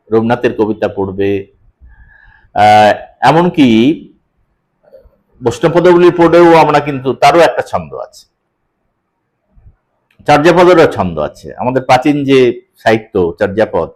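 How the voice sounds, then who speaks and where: A middle-aged man teaching a lecture on poetic meter, talking in a measured way with fillers and self-corrections, and reading verse slowly with drawn-out syllables. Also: mid-range voice, darkish tone.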